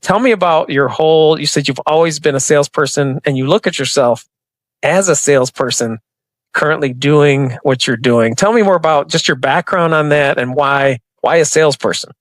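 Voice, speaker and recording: A man's voice: a little high, normal speed, no echo. A man hosting a podcast interview, talking in a chatty, upbeat and reflective way. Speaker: podcast host. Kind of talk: casual interview chat.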